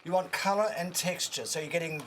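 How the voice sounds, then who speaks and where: A man's voice: fairly high pitch, brisk, fairly bright tone, a little hiss or hum. A man with a New Zealand accent demonstrating a recipe on a cooking show, chatty and instructive with joking asides.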